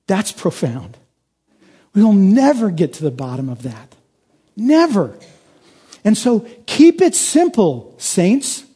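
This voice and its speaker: A man in the pulpit delivering a sermon, his voice fairly high for a man. The tone is mellow and a little husky. He preaches earnestly and swells into emphatic high points. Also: big pitch swings, slow pace, pauses often. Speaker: pastor.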